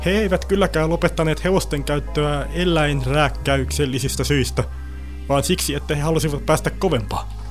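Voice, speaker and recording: A man voicing a small, quiet but stubborn boy pupil in a storybook reading. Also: fairly high pitch, fairly even intonation, faint music behind, pitched above the performer's own voice, natural voice. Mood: matter-of-fact. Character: small timid boy pupil lost in time.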